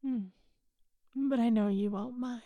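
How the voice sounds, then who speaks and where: A woman speaking softly and intimately in an audio roleplay, hushed and coaxing, sometimes dropping to a whisper, close to the mic. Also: fairly high pitch, steady tone, measured pace, no echo, dull audio.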